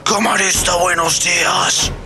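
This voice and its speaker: A man's voice: moderate pace, over music, natural voice. A man doing a sing-song hotel housekeeper. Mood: sing-song calling. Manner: sing-song repeated call, raised pitch.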